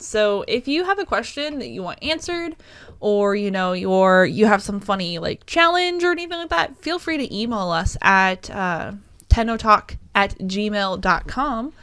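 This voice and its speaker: A woman co-hosting a casual podcast, upbeat and agreeable, quick to back up her partner. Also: on the high side, fairly bright tone, clear, resonant tone, no echo, studio quality. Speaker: podcast co-host.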